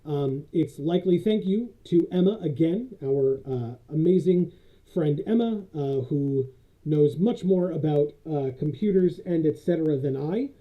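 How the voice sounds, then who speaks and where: A man's voice: on the high side, animated. Man sounding muffled, as if through a tube. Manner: rambling, halting, many fillers and self-corrections. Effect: muffled, as if talking through a tube. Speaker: streamer. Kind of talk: casual live-stream chat. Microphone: built-in USB camera microphone. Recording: dull lo-fi USB camera microphone.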